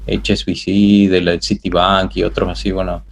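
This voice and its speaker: A man with an Argentine Spanish accent, somewhat low in pitch, chats as an interview guest. He rambles, restarts and stacks fillers as he goes. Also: flat delivery, normal speed, creaky. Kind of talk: casual interview chat.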